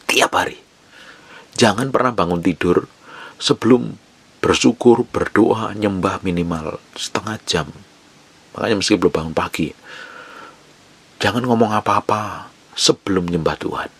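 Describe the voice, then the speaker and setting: A man preaching in a very low, gravelly voice with a husky edge. He talks to his congregation in a relaxed, conversational sermon style, easing into hushed tones to show how to pray. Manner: conversational preaching, drops to a soft whisper when quoting prayers. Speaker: pastor.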